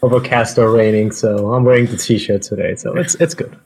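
A man in his thirties from Denmark, a guest on a video-call podcast, talking in a relaxed, rambling way. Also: lowish voice, a little fast, a little hiss or hum. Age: 30s. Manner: relaxed, rambling, many fillers. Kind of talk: casual podcast chat.

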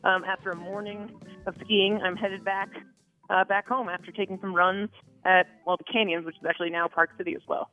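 A woman's voice: medium pitch, steady tone, brisk, faint music behind. Woman on a tinny phone line. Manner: talking while walking with her skis. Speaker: Olympic mogul skier, guest. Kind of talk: phone interview.

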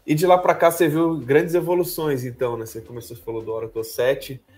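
An upbeat male podcast host, steering a casual interview with quick affirmations. Soft music sits faintly under his voice. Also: fairly high pitch, little pitch movement. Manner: upbeat, with frequent "que legal" and "show de bola".

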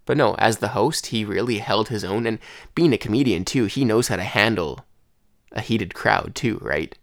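Young male podcast host, stuffed-up and congested, low-pitched and close and dry, rambling solo talk. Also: expressive, normal speed, gravelly, dry recording. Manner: rambling, conversational, with restarts. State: congested throat and head. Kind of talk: casual solo monologue.

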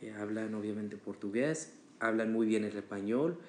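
A man's voice: on the low side, moderate pace, darkish tone, slight background noise. Chatty man in an echoey room. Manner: chatty, hesitant with fillers and restarts. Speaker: podcast guest. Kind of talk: casual podcast conversation.

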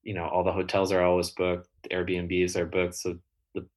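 A man being interviewed as a guest, talking casually in halting phrases with many restarts. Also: low voice, monotone, darkish tone. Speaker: guest, builder and rental owner.

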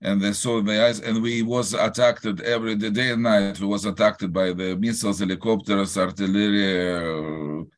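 Older rabbi, Russian accent, low-pitched and hesitant, restarts often while answering an interviewer. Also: male voice, fairly even intonation. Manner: halting, searching for words, many restarts.

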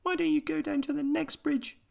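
Tiny timid mouse, storybook, shrill squeak, pleading. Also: male voice, little pitch movement, fairly quick, vocal fry, exaggerated voice.

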